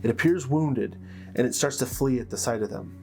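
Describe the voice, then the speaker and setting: Over clearly audible plucked guitar, a mellow, mid-pitched male host and game master tells fantasy lore at a measured storytelling pace, punctuated by dramatic pauses.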